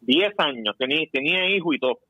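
A man's voice: on the high side, lively intonation, fast, pushed and bright, no echo, low-quality recording. A man hosting a casual podcast, telling stories animatedly and swearing casually. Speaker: podcast host.

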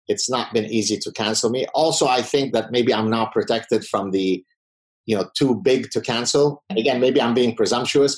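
Heard through poor audio, a middle-aged Middle Eastern professor whose native language is Arabic fields questions as a podcast guest. His voice is fairly low, and his answers are confident and combative, laced with wry humor.

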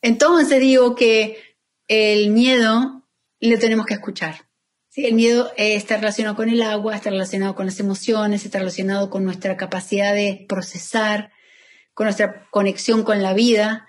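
Woman, therapist, calm and soothing, guiding breathing, mid pitch. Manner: calm, soothing, slowing down for guided phrases. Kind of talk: guiding a breathing exercise in an interview.

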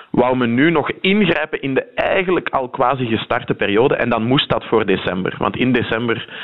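Vlaamse verslaggever via de telefoon. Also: male voice, mid-range voice. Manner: measured, explanatory, hesitant fillers. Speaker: political correspondent. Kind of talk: radio interview. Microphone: phone. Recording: tinny phone line.

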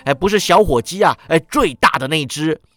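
A man's voice: a little high, lively intonation, fairly quick, a bit bright, no echo. A man playing an overjoyed reformed old miser. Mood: giddy. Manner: exclaiming, breathless with delight.

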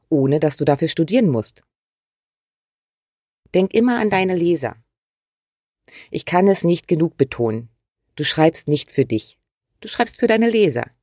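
A woman's voice: low-pitched, darkish tone, dry recording, clean studio sound. A woman hosting a scripted writing tutorial, talking straight to the viewer in a direct, instructive way. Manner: direct and instructive, uses imperatives. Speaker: writing coach and channel host.

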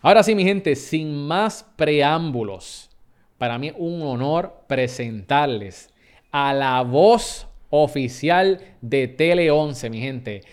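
A man's voice: a little high, animated, takes it slowly, clear, resonant tone. Upbeat Puerto Rican podcast host, man. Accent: Puerto Rican Spanish. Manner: upbeat, addresses listeners as "mi gente". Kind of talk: energetic podcast intro and interview.

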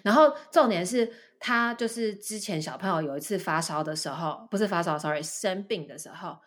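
A woman with a Taiwanese Mandarin accent, chatting casually on a podcast and telling stories as a teacher, acting out the parents she quotes. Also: brisk. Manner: animated storytelling, acting out a parent in a high voice. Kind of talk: casual chat, storytelling.

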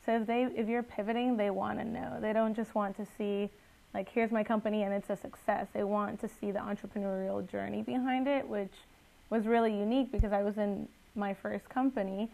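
A woman's voice: mid-range voice, steady tone, brisk, creaky, mellow, poor audio. A woman in her twenties, originally from Guatemala, talking earnestly as a guest entrepreneur in a podcast interview with plenty of fillers. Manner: earnest, chatty with frequent fillers.

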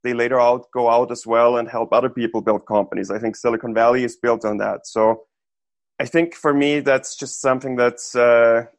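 A man from Austria talks through ideas as an interview guest. His pitch sits in a plain middle range, and he often restarts and fills gaps with "like". The sound is close and dry. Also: steady tone, moderate pace, no room sound. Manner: thoughtful, frequent restarts and "like" fillers. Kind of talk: casual interview talk.

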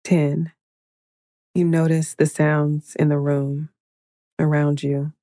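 A woman leading a guided meditation in a slow, soothing, hushed manner, counting breaths and counting down. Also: low-pitched, flat delivery, no room sound, studio quality.

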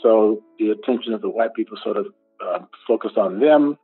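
A man speaking as an expert interviewee, explaining events haltingly over a tinny line. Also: on the low side, breathy edge, faint music behind. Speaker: author and historian interviewee.

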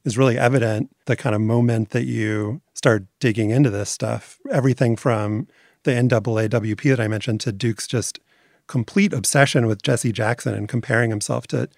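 A man interviewed about his documentary series, explaining in articulate, measured terms. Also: mid-range voice, steady tone, creaky, a little mellow, dry recording, studio quality. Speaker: documentary series maker as guest. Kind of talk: conversational interview.

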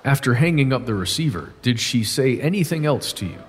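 An actor playing a methodical 1920s attorney questioning a witness. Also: male voice, medium pitch, animated, brisk, in a large hall, a little hiss or hum, lightly acted. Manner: formal questioning.

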